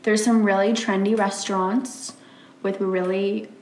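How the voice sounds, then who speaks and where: A woman's voice: mid-range voice, little pitch movement, a little slow, a little mellow. A young woman, a college student from the Philadelphia area, chatting casually as an interview guest, giggly and full of fillers. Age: young adult. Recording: roomy sound with faint noise.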